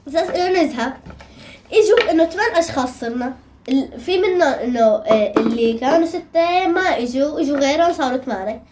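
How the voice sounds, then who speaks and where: Casting: youthful female, very high voice, Syrian Levantine accent, casual drawing-video host, noticeable noise behind. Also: animated, fast. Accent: Levantine Arabic, Syrian. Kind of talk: casual chat to viewers while drawing.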